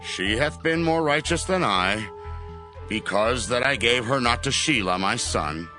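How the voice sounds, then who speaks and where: An actor playing a solemn, commanding Hebrew patriarch in a scripture audio drama, with archaic phrasing. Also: male voice, mid-range voice, lively intonation, unhurried, pushed and bright, soft background music. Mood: contrite.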